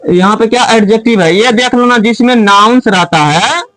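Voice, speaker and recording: High-pitched guy teacher quizzing a class, calls out loud sometimes. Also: moderate pace, no echo, poor audio. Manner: quizzing students, often raising voice.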